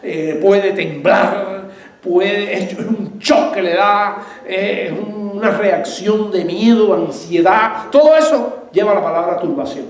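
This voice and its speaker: Male pastor preaching, high voice, echoey church room, asks the crowd questions and answers them. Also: unhurried, few pauses. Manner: lively preaching with laughs and raised voice. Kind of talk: sermon.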